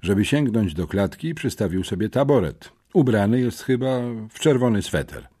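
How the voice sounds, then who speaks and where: A man voicing a confident teenage boy detective who calmly reasons things out in a storybook. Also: lowish voice, normal speed, slightly rough, pitched above the performer's own voice. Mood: reasoning. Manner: calm, deductive, reassuring.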